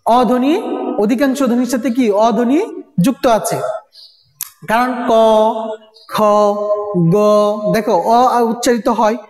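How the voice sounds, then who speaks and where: A teacher leads a recorded grammar lesson, firing rhetorical questions at the students and repeating sounds one by one. The voice sits in the middle of the pitch range. The room is echoey, with a long reverb trailing each phrase. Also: fairly even intonation, moderate pace, pauses often, a little mellow.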